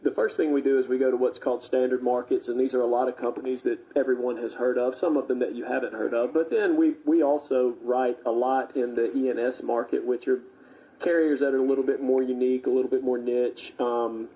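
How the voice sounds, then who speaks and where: Man, radio expert guest, warm dark tone, medium pitch, measured, informal, explanatory. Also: steady tone, poor audio. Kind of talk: conversational explanation on live radio.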